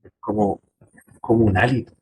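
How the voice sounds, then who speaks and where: A pastor teaches a Bible lesson to his congregation, speaking emphatically and putting direct questions to them. His voice is lowish and a little mellow, with fairly even intonation at a normal speed, captured in a low-quality recording with slight hiss or hum.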